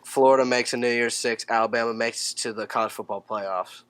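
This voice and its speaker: A man's voice: medium pitch, steady tone, a little fast, fairly bright tone, clear, resonant tone, no echo. A young man co-hosting a casual sports podcast, teasing and argumentative. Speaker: podcast co-host.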